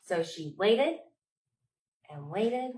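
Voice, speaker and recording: Much like a librarian at storytime, a woman reads expressively to little kids, pausing for dramatic effect. She speaks in a mid-range voice that is animated and a little mellow.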